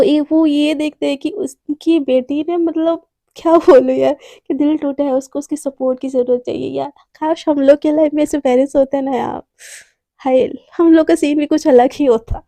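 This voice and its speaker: A woman's voice: sits high, mellow, dry recording. A woman narrating a romance story in a casual, chatty way, with asides to her listeners.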